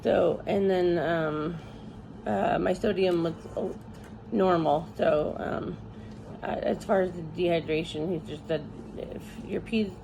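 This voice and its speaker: A woman recovering from surgery, sounding weak and tired, chatting casually and haltingly from a hospital room. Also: on the low side, fairly even intonation, gravelly, background noise. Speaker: patient vlogger recovering from surgery. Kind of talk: casual chat to camera.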